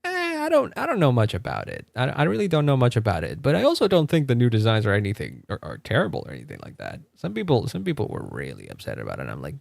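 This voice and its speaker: A man's voice: mid-range voice, wildly swooping pitch, fast talker, creaky, few pauses, a little mellow, dry recording, clean studio sound. A man whose first language is Spanish, chatting casually on a livestream, laughing often, repeating words and reading chat. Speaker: streamer.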